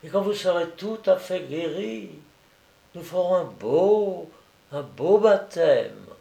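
A man reading a gentle young pregnant woman's lines in an audiobook, speaking softly and soothingly. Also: high voice, lively intonation, slow pace, creaky, echoey room, voice pushed up, exaggerated voice. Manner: soft, soothing, comforting.

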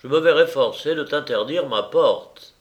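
A man's voice: on the high side, moderate pace, voice pushed up, natural voice. A man voicing a cold, arrogant aristocratic baron who speaks curtly. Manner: curt and cold.

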